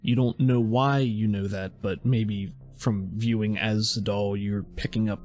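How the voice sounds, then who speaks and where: A man narrating as game master of a tabletop role-playing game, measured and descriptive with frequent fillers. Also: lowish voice, steady tone, a little mellow.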